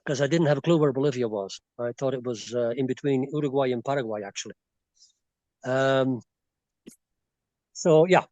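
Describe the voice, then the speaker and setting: A Belgian expat with a slightly Irish-tinged accent chats casually as an interview guest on a rural property in Bolivia, rambling with frequent fillers and restarts. His medium-pitched, darkish voice moves at a moderate pace and pauses often. There's no echo.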